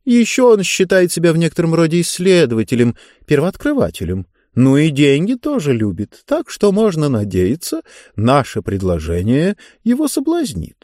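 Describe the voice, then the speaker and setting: A chatty talking book with a knowing, confiding way of speaking, as a man reads her lines. The voice is raised above his own and swings widely in pitch. It is warm and mellow, and recorded close and dry. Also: moderate pace, no echo. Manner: lively, confiding storyteller tone. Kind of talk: audiobook character voice.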